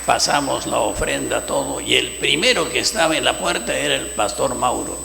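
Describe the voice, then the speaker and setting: A man preaching a fervent sermon as pastor, his voice gravelly, swinging between soft passages and loud bursts. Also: medium pitch, moderate pace, noisy background. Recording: echoey church hall, long reverb.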